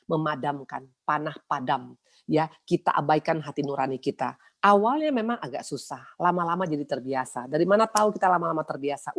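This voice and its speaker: Fast-talking woman pastor preaching. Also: low voice. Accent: Indonesian. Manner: colloquial, emotional storytelling. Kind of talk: sermon.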